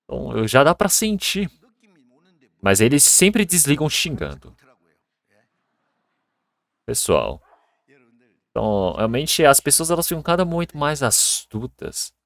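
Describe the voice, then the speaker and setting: A male pastor preaching a Sunday sermon in an earnest way that grows lively when he tells everyday stories. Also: mid-range voice, unhurried, vocal fry, long pauses, dry recording.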